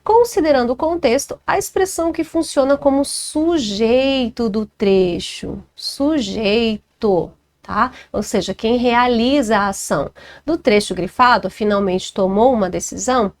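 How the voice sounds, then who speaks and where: Chatty Brazilian teacher woman, fairly high voice. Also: normal speed. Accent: Brazilian Portuguese. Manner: chatty, checks in with listeners often. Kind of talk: exam walkthrough lesson.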